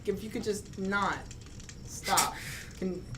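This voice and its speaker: A man's voice: high-pitched, slow pace, background noise, pitched above the performer's own voice. A man doing Blinky, a tiny nervous troll kid. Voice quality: hesitant, stammering. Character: very small nervous male troll kid leader.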